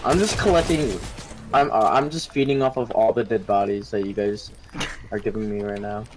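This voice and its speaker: A man chatting casually and joking loudly while playing an online game with friends on a headset mic. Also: fairly low pitch, moderate pace, background noise. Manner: animated, jokey, loud bursts. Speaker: gamer. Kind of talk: casual gaming chat with friends.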